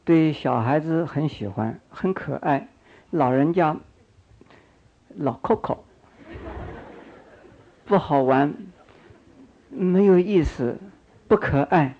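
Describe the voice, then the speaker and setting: A man's voice: fairly high pitch, slow pace. An older man preaching a Buddhist sermon, coaxing his listeners, repeating phrases and asking them questions. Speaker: Buddhist monk teacher. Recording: dull lo-fi recording.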